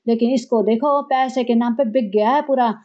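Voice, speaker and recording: A woman's voice: on the high side, fairly even intonation, normal speed, highs cut off, pitched below the performer's own voice, natural voice. Woman doing a grumbling older mother-in-law. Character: grumbling older mother-in-law, complaining about her son.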